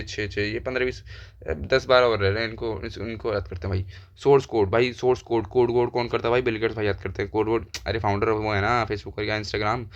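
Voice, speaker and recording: A young man teaching an exam-prep lesson in casual chat, thinking aloud and repeating keywords again and again. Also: medium pitch. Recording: dull lo-fi sound.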